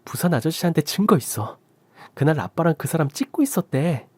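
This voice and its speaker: A man doing a high shrill anguished young daughter. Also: animated, normal speed, a little mellow, slightly rough, no echo. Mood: urgent, indignant. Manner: pleading, rising to shrill, tearful. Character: young adult daughter, wronged and furious wife.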